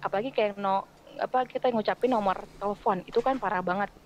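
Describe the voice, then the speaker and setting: A woman's voice: medium pitch, fast, a little hiss or hum, low-quality recording. Chatty Indonesian woman voice-over artist. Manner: chatty, explains with lively spoken examples. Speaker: radio voice-over artist and announcer, guest. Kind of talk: casual podcast chat.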